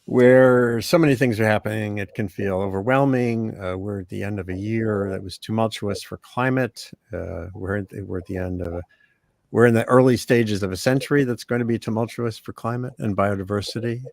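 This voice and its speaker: An older man hosts an online panel from a video call, his low voice set in a dry, close sound. He talks casually and circles back often, full of fillers and restarts. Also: fairly quick, gravelly, a little mellow, no room sound. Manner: hesitant, many fillers and restarts. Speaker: host.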